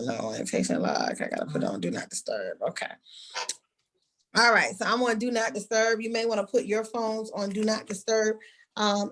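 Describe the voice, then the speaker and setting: Over a video call, a woman who instructs at a hair school leads an online orientation, calling on students by name in a friendly but directive manner. Her mid-range voice comes through a rough recording with a little hiss or hum.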